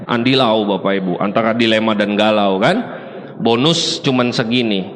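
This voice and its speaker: A middle-aged man giving an animated, joking motivational talk to a seminar audience. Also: lowish voice, moderate pace. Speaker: motivational speaker. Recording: long hall reverb.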